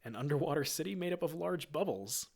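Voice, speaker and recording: A man's voice: on the high side, animated, fast, vocal fry. A man reading screenplay stage directions aloud in a plain amateur way, now and then breaking off to comment. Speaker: reader.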